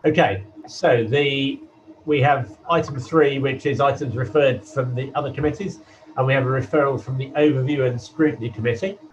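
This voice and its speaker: A man chairing a formal online meeting, his voice hollow and echoing as if he were in a wind tunnel. He speaks in a measured, procedural way with hesitations. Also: medium pitch. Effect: hollow, echoing wind-tunnel sound on his audio. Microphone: video call. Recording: muffled, distant video-call audio with windy background noise.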